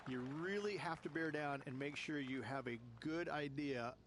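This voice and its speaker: A man's voice: a little high, moderate pace. A man giving explanatory golf commentary as a course analyst in a video game broadcast. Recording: loud ambient noise behind.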